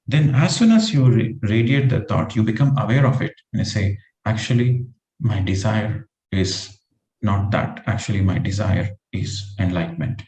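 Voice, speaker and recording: A man with a warm, mellow voice gives a meditation teaching talk. He explains patiently, reaching for everyday examples. The sound carries a noticeable room echo. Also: fairly low pitch. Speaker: spiritual teacher.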